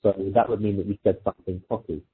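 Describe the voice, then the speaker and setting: Over muffled, thin, lo-fi phone-like audio, a dating coach explains things informally, quoting sample exchanges to make his points conversationally. His male voice is very husky, rough-edged, and low, with a steady tone and quick pace.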